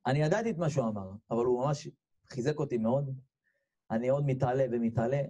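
A man giving a storytelling sermon, animated and repeating phrases, with his voice leaping high when he acts out people he quotes. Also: slightly rough. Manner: repeats phrases, addresses listeners directly. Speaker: religious speaker.

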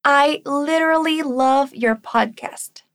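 A Brazilian woman with a high voice leads an English lesson, her first language Portuguese. She drills short phrases at an unhurried, careful pace for the listener to repeat, then explains them quickly between the drills. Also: fairly bright tone. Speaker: English teacher.

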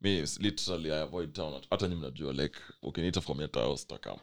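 A man's voice: rumbling low, fast talker. A young man with a Kenyan accent chatting casually as a podcast co-host, mixing English and Swahili slang. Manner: slangy, code-switching between English and Swahili.

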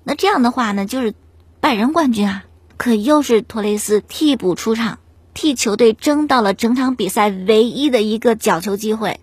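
A woman host telling a sports story in a chatty, animated way, often asking the listener rhetorical questions. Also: on the high side, normal speed, husky, no echo. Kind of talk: casual storytelling commentary on football.

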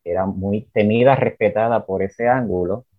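A Puerto Rican man speaking in a lowish voice, thinking aloud with many small fillers and tags. The sound is dry, with no room in it, and a little muffled and dull. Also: moderate pace, no echo. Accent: Puerto Rican Spanish. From Puerto Rico. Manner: thoughtful, searching, many fillers like "pues" and "¿verdad?". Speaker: writer and poet, interview guest. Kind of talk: reflective interview talk.

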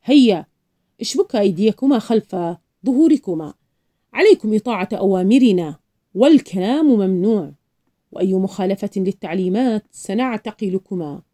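A woman voicing a gruff, commanding male police chief with a hoarse voice in an audiobook reading, barking orders. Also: mid-range voice, animated, moderate pace, warm tone, natural voice. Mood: stern.

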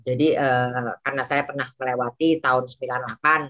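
Woman, middle-aged, from Indonesia, low-pitched, passionate, casual interview talk. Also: steady tone, a bit bright, highs cut off. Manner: passionate, quick to get heated; acts out friends' quoted lines in a higher voice. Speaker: guest.

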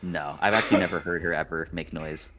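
A young man telling a story in casual chat, matter-of-fact and deadpan, full of "like" and "dude". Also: low voice, fast, crowd noise. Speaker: podcast co-host.

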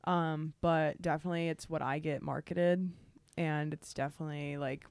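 A woman's voice: low voice, steady tone, moderate pace, vocal fry, a little mellow, a little hiss or hum. A young woman co-hosting a casual podcast chat, rambling with many fillers. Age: young adult. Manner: rambling, heavy use of "like". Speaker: podcast co-host.

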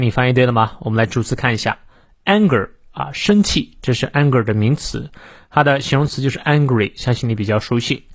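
Male English teacher for a daily podcast lesson, patient and step by step, mid pitch, dry close mic. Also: dry recording. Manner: patient, explains step by step and models English pronunciation slowly.

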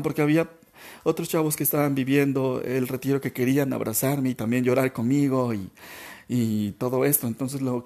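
A man's voice: mid-range voice, darkish tone. Male podcast host, earnest storyteller who stumbles and repeats himself, mid-range voice. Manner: halting, emotional, many restarts and repetitions.

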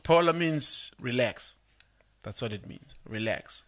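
A man's voice: mid-range voice, expressive, takes it slowly, fairly bright tone. A man, a rapper talking casually about his songs in a podcast studio, often laughing and repeating words as he explains. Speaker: rapper guest. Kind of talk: casual interview chat.

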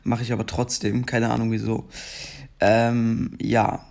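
A man's voice: mid-range voice, little pitch movement, vocal fry, a little mellow. A young man with a scratchy voice giving casual commentary while playing a game, rambling, then breaking into frustrated outbursts. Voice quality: scratchy morning voice. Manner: frustrated outbursts between slow chatter. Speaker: gaming video creator.

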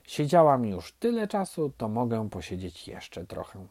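A man's voice: medium pitch, sing-song, a little slow, dark tone, no echo. A man doing a fussy mother duck.

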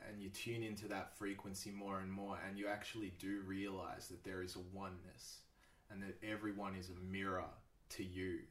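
A man's voice: deep voice, a bit bright, echoey room, far from the mic. A man talking casually as a podcast guest. He swears freely and laughs often. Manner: laid-back, swears a lot, laughs often. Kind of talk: casual chat.

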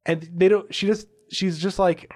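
A man with a slightly higher than usual voice, talking games on a podcast in a loose, casual way. He swears constantly and slips into quick acted-out bits of dialogue to make his point. He sounds enthusiastic and opinionated. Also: steady tone, a little mellow. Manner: profane, enthusiastic, acts out characters' lines. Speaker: podcast co-host. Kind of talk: casual gaming podcast chat.

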